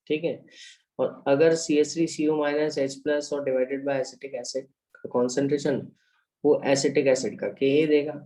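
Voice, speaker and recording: A man's fairly high, slightly mellow voice comes through poor audio as he teaches chemistry online. Speaking with an Indian accent, he explains equations step by step, switching English phrases into Hindi and checking that students are following.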